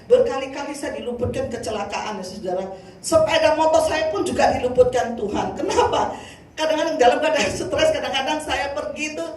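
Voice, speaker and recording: An older woman evangelist from Indonesia giving a lively sermon testimony, often turning to the congregation. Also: sits high. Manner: lively storytelling, addresses congregation as saudara. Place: church hall. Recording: echoey hall from far off, faint noise.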